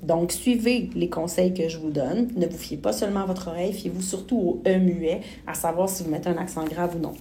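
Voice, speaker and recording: A Québécois woman teaches verb spelling in a recorded lesson, sounding out letters and endings one at a time. Her voice sits fairly low, with a dark, gravelly texture. A faint hiss of noise runs underneath. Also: a little fast, hardly any pauses. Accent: Québécois French. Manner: spells out letters and endings step by step, patient and explanatory. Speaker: French teacher.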